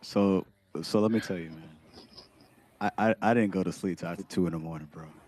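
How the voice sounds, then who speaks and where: A man's voice: low voice, brisk, a little mellow. A man co-hosting a sports talk show, chatting casually with frequent stammered restarts. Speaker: podcast co-host.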